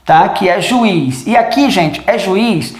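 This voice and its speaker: A Brazilian man teaching an online English pronunciation lesson. He explains patiently, slowly repeats each word and ends his phrases with a questioning tag. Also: sits high, expressive. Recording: roomy echo.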